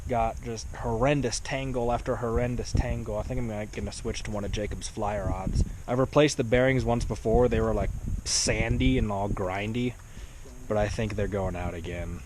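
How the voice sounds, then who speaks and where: A man's voice: on the low side, steady tone, moderate pace. A young man vlogging from a fishing trip, talking casually and poking fun at himself into a handheld camera by a stream. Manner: self-deprecating, chatty. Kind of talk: casual outdoor vlog narration. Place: outdoors by a stream in snowy, windy weather. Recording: wind and outdoor noise behind.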